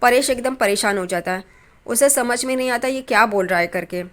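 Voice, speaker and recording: Speaking a little high and a little fast, this narrator retells an episode of a TV serial in an easygoing recap. Her storytelling is plain, with small restarts, and she voices the characters' dialogue lines.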